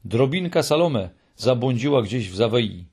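A man voicing a calm, wry female creature with a dry, knowing tone, in an audiobook reading. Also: medium pitch, normal speed, husky.

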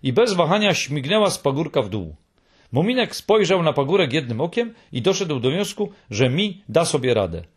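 Male narrator for a storybook; husky, animated delivery with lots of pitch movement. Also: normal speed. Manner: expressive reading.

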